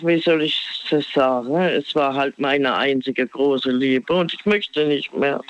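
A woman's voice: rumbling low, a little slow. A woman in her fifties from Germany calling in to a radio show over the phone, giving brief answers. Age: 50s. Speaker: caller. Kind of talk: radio call-in. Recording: dull phone line.

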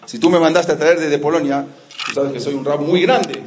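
A man's voice: fairly high pitch, normal speed, slight background noise, lightly acted. Man voicing a stern scolding rabbi. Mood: defiant. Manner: forceful, scolding. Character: stern older male rabbi, defiant scholar. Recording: muffled lo-fi audio.

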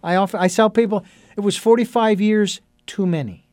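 A man's voice: high voice, brisk, darkish tone, no echo. A middle-aged man hosting a radio talk show, rambling along with lots of fillers and restarts. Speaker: host.

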